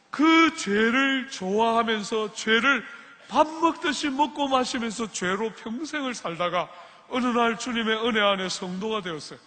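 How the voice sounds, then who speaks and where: A man preaching, high-pitched and bright, with a long reverb from a large hall. He tells his stories vividly and acts out the lines of the people in them. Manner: animated storytelling, acts out dialogue. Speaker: preacher at a student retreat. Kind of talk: sermon.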